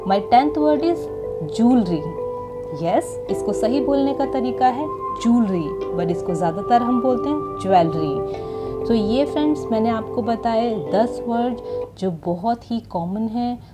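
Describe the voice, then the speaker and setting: A woman with an Indian accent hosting her channel and teaching English pronunciation, pronouncing each word clearly and carefully. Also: on the high side, animated, unhurried. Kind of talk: slow, deliberate pronunciation lesson. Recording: music playing behind.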